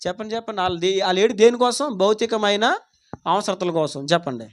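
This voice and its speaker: A man's voice: sits high, a little fast. A man preaching a Sunday worship sermon in church. He speaks fervently and puts many rhetorical questions to the congregation. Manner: acts out quoted pleas dramatically. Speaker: pastor. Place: church service.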